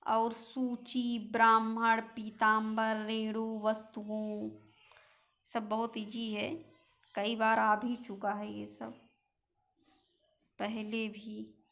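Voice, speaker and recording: Lady teacher reading word lists slow and flat, fixing spelling mistakes, bit high voice. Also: vocal fry. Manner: slow, reads out word lists and corrects common misspellings. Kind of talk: exam-prep spelling lesson.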